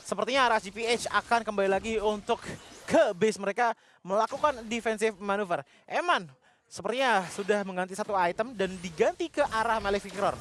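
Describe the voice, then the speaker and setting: High-voiced Indonesian male esports commentator. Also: fairly quick, fairly bright tone. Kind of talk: live play-by-play and analysis.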